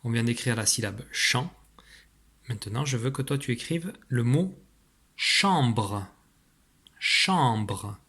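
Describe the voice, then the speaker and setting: A male teacher leads a spelling dictation at a calm middle pitch. He is patient and clear and stretches out each sound for the listener. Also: moderate pace. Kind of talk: recorded spelling dictation lesson.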